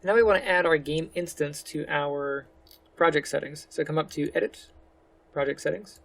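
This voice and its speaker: A man hosting a casual step-by-step game development tutorial, speaking relaxed and a little slurred, walking through each step on a desktop mic. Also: a little high, moderate pace, gravelly. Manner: relaxed, slightly slurred speech; talks through each step with fillers like "go ahead". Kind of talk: casual screen-recorded tutorial.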